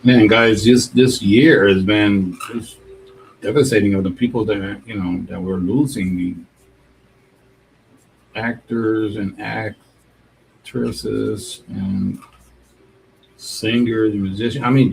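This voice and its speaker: A man's voice: lowish voice, takes it slowly, creaky, pauses often, a little hiss or hum, low-quality recording. A middle-aged man hosting a live stream as an artist, chatting in a rambling, casual way and laughing often.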